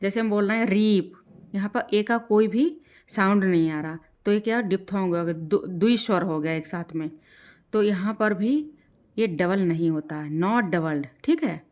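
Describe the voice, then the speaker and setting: A woman teaching an exam-prep grammar lesson in Hindi, slowing down when she reads rules aloud and often checking in with "ठीक है". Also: mid-range voice, a little mellow. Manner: explains in Hindi, slows down to read English rules aloud; repeats "ठीक है" to check in with learners.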